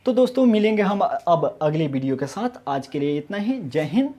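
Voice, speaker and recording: A man giving a grammar lesson, often asking rhetorical questions and answering them himself, and sounding out letters slowly to demonstrate. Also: a little high, very animated, dark tone. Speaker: Hindi grammar teacher. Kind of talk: explanatory online lesson.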